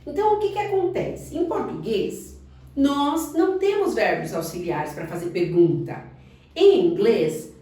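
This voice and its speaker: A woman teaching basic English in an online lesson, coaxing, asking the learner questions and slowing down on example sentences. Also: a little high, animated, dark tone, very echoey, recorded from a distance. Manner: speaks slowly on English examples.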